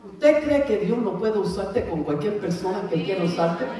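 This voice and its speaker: A woman's voice: medium pitch, animated, normal speed, mellow. A middle-aged woman giving a fervent church testimony, laughing often and slipping into English phrases. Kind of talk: preaching testimony. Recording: echoey hall from far off.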